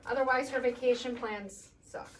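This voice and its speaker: A chatty woman hosts a live furniture painting demo, reading viewer comments aloud as she works. Her voice sits a little high and comes from a distance. There is some room noise behind her in the paint room. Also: fairly even intonation, normal speed. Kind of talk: casual live demo chat. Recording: distant mic with background noise.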